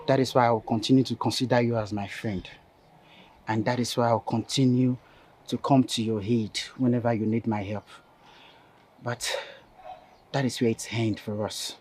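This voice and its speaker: A man's voice: medium pitch, normal speed, long pauses, a little hiss or hum, lightly acted. An actor as a firm man ending things. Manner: calm, resolute. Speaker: ex-lover. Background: film score music.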